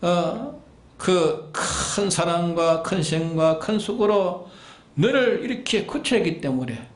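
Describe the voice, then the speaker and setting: High-voiced preacher in an echoey church. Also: male voice, animated, takes it slowly. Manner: exhorting, repeating commands and rhetorical questions. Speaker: pastor. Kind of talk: sermon. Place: church sanctuary.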